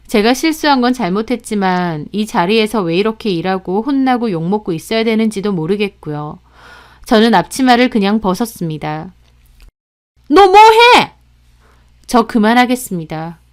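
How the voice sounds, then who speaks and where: A young woman calmly narrating a first-person story in a conversational tone. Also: medium pitch, normal speed.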